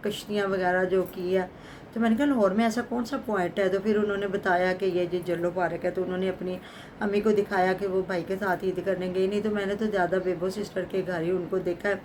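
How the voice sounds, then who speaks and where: A woman's voice: mid-range voice, flat delivery, brisk, darkish tone, a little hiss or hum. A middle-aged woman, chatting casually as a vlogger and giving prayers and blessings. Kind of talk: casual commentary chat.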